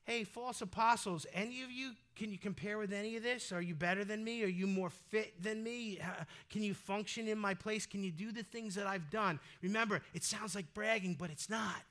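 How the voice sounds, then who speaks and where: A male pastor preaching a sermon in a conversational, energetic way that breaks into loud exhortations. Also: high-pitched, moderate pace, hardly any pauses.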